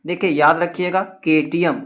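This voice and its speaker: A man's voice: on the high side, fairly even intonation, unhurried, a bit bright. A male teacher giving an exam-prep lecture, explaining step by step and often checking in with his students. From India.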